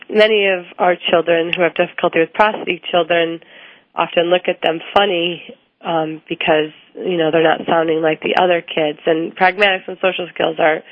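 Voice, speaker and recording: A woman speech therapist explains her methods in a very low, level voice that hardly rises or falls. She talks through her points with plenty of ums and restarts. The sound is thin and phone-like, dry with no room echo. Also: steady tone, moderate pace. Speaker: speech language pathologist guest. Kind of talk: interview answers. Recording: tinny phone-like line, dry.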